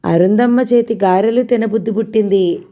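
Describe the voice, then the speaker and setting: Easygoing village farmhand played by a woman, rough country talk, loud calls, warm storybook reading. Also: mid-range voice, moderate pace, lightly acted. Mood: cheerful. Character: rustic chatty male farmhand, easygoing.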